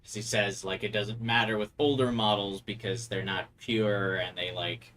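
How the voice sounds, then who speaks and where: A man's voice: on the low side, steady tone, normal speed, fairly bright tone, a little hiss or hum. A man giving casual, slangy and offhand commentary as he streams a game playthrough.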